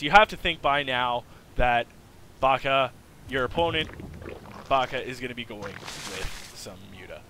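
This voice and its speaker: Excitable bright-voiced male game caster. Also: a little hiss or hum. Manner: excitable, bursts into loud high exclamations; filler-heavy, restarts sentences. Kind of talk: esports play-by-play commentary.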